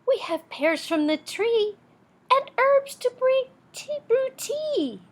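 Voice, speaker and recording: A woman's voice: extremely high pitch, big pitch swings, takes it slowly, pitched above the performer's own voice, heavily acted. An older woman voicing friendly, generous little woodland animals in a children's storybook, eager to share.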